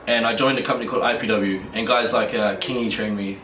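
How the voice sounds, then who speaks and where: A young wrestler with a New Zealand accent chats casually as an interview guest, laughing easily and rambling through many restarts. His fairly low voice is fairly even and quick, picked up by a distant mic in an echoey room with faint noise.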